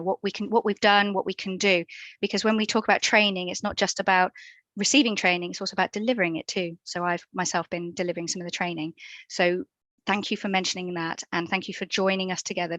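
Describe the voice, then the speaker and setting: A woman's voice: lowish voice, fairly bright tone, dry recording, rough recording. A woman hosting a virtual conference over a video call, upbeat and welcoming as she introduces speakers. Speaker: conference host.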